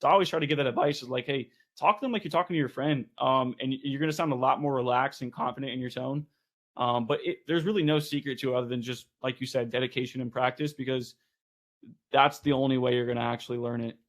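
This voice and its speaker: A man's voice: medium pitch, quick pace, a bit bright. Man explaining sales coaching, step by step. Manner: explains step by step, many likes and rights. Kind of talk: casual conversation.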